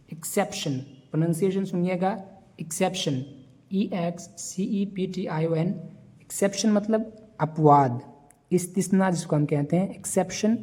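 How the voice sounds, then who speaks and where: Male tutor, unhurried vocabulary drill, letter-by-letter spelling, soft and breathy tone. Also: on the high side. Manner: spells each word letter by letter and repeats it; explains in Hindi with English words mixed in. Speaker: English vocabulary teacher. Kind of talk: vocabulary lesson.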